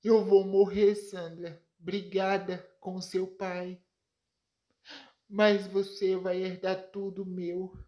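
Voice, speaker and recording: A woman's voice: medium pitch, level tone, takes it slowly, dark tone, natural voice. A Brazilian woman voicing a dying grandmother in her old age, tender and gasping for breath. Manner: weak, gasping breaths between words.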